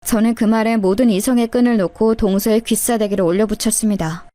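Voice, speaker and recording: A woman's voice: a little high, steady tone, a little fast, very noisy. A woman narrating a first-person story in a confiding way, speaking straight to her listeners. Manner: confiding, addresses listeners directly.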